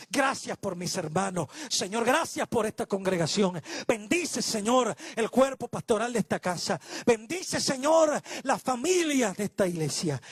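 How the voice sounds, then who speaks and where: Husky-voiced preacher man. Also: high-pitched, dry recording. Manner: impassioned, climbing to shouted declarations. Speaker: pastor. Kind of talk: preaching sermon and closing prayer. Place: church.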